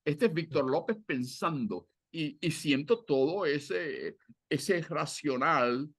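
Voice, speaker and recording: A man's voice: fairly high pitch, expressive, slow pace, fairly bright tone, slightly rough, no echo, clean studio sound. A man with a Puerto Rican Spanish accent, reflecting and thinking aloud on a video call. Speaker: study group participant. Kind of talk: casual discussion on a video call.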